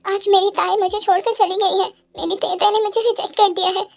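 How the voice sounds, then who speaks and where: A woman's voice: very high-pitched, flat delivery, brisk. A woman doing a weeping young mafia boss. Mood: despairing. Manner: tearful, pleading delivery.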